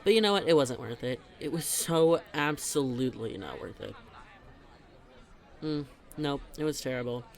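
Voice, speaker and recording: Playing a teasing, talkative best friend with a hidden crush, a young man performs an intimate scripted audio roleplay monologue, exasperated and venting. His voice sits high for a man, and he speaks at a moderate pace with animated, conversational, emphatic delivery.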